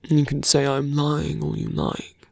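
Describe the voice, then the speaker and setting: A performer voices a suave, smug male villain for an intimate ASMR roleplay, speaking very slowly and deliberately in a medium-pitched, gravelly, breathy full character voice that often sinks near a whisper. The delivery is completely flat yet teasing, condescending and quietly menacing, with dry, close sound and no echo.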